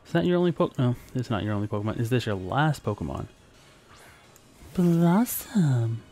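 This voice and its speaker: A man's voice: medium pitch, big pitch swings, racing, a little mellow. A man giving casual Let's Play commentary as a gaming YouTuber, chatting to the game and its creatures as he plays. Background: faint game music.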